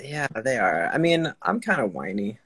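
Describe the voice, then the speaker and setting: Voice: medium pitch, big pitch swings, normal speed, crowd noise. A guest joining a livestream by phone video call, chatting casually and laughing easily. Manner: laid-back, laughs easily.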